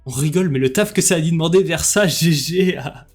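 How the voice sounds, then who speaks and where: Streamer masculin, voix haute et décontractée, commente un jeu en plaisantant. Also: male voice, fairly high pitch, fairly quick, faint music behind. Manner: lively, joking, with many fillers. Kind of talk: commenting a game live with jokes.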